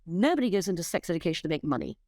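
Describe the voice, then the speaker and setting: A middle-aged woman talks with a lively, swooping pitch, sounding emphatic and blunt as she makes her case. She swears freely and trips over restarts when she gets going. The sound is dry and close, with little room echo. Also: rapid-fire. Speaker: interview guest, company founder. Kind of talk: animated interview talk.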